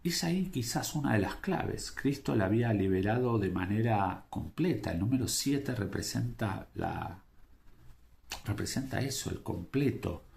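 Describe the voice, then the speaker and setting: A man preaches a devotional message in a slow, measured way. His voice sits fairly low and has a rough, gravelly fry. He pauses often and fills the gaps with soft fillers as he reflects. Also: lively intonation. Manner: unhurried, reflective, pausing with fillers. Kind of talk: devotional talk with scripture reading.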